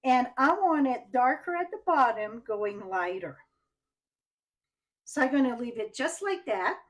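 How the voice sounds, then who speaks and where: Hosting a live card-making tutorial, this native French speaker with a French Canadian accent talks in a high-pitched, animated but unhurried way. She chats constantly, voices her thoughts as she goes, and addresses viewers directly with questions.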